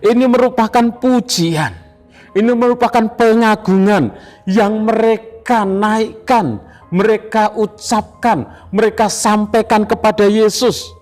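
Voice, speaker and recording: A man with an Indonesian accent preaching an evening devotional sermon, slow and emphatic, repeating phrases. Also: high-pitched, a little mellow, faint music behind. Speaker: pastor.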